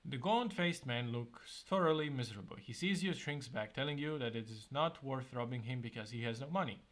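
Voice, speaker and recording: A man's voice: medium pitch, fairly quick, a bit bright. Casual man reading a gamebook aloud. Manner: casual, with hesitant fillers and restarts in asides. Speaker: gameplay video host. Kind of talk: reading interactive fiction aloud with casual commentary.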